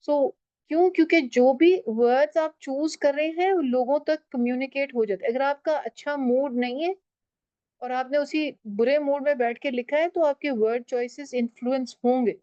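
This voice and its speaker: A woman's voice: high-pitched, moderate pace, warm tone, no room sound, lo-fi sound. A woman teaching a writing class, explaining step by step and often checking in with her students. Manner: switches often into English phrases. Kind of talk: online class lecture.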